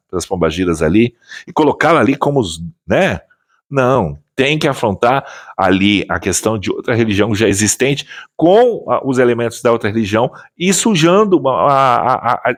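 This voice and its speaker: A Brazilian man talking to his audience in an unscripted, emphatic way. His pitch swings widely, rising on pointed questions and sinking low as he makes his points, and he often restarts a phrase mid-sentence. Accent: Brazilian Portuguese. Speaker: spiritual teacher and channel host. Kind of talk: casual spoken commentary.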